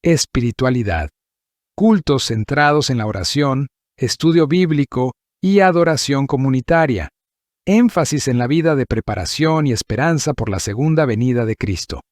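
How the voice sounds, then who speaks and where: A man giving a scripted narration, reading through points in a measured, list-like way. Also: medium pitch, expressive, darkish tone, dry recording, studio quality.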